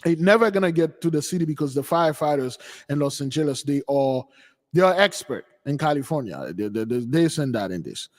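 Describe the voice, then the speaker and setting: A man's voice: a little high, animated, fairly quick, big-room sound. A man hosting a religious commentary on news clips, talking in a scoffing, repetitive, conversational way. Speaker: host.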